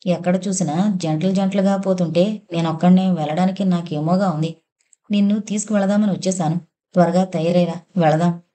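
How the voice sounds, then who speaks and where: Young husband, joking, questioning, storybook, read by a woman, low mellow tone. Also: steady tone, a little fast, natural voice. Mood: teasing. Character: young husband, teasing and easygoing.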